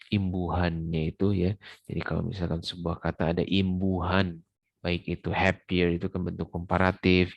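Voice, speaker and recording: A man's voice: sits low, vocal fry, no echo, muffled recording. A man teaching English sound rules in a loose lecture, full of fillers and mixing in English terms. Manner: many fillers, mixes English terms into explanations. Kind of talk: casual recorded lecture.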